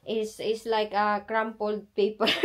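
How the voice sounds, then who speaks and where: A woman's voice: medium pitch, flat delivery, slow, darkish tone. A middle-aged Filipino woman with a Filipino accent, chatting casually in a home vlog and telling stories while switching between languages. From Philippines. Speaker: vlogger.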